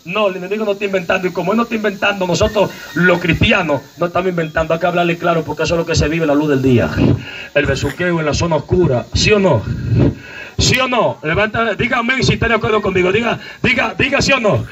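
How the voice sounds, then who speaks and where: Male evangelist, high voice, fiery exhortation with shouted peaks, faint outdoor noise behind. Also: fast talker. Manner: exhorting, calls to the crowd, sudden shouts. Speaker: evangelist preacher. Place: outdoor night vigil.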